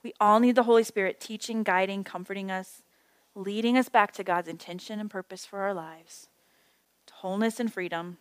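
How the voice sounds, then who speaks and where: A woman's voice: mid-range voice, fairly even intonation, normal speed. A middle-aged woman leads a small group Bible study in a casual, chatty voice. She drifts into stories and self-deprecating side remarks. The sound is dry and close, with no room echo. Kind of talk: casual teaching talk. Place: small indoor group meeting.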